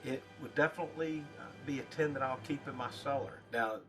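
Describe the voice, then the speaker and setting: Man, casual reviewer, mid-pitched voice, halting rambling phrases, music behind. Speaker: pipe tobacco reviewer. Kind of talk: casual spoken product review.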